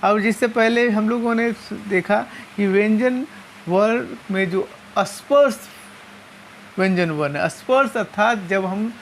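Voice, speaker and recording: A woman teaching a lesson, explaining step by step and slowly spelling out each sound. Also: mid-range voice, slight background noise. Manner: slow and methodical, repeating and spelling out sounds.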